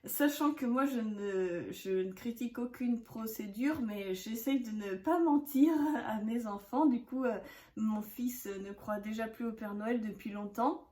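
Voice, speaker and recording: A woman in her thirties showing her craft purchases in casual chat to camera, talking with many hesitations and soft laughs. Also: a little high, measured pace, echoey room. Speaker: scrapbooking vlogger.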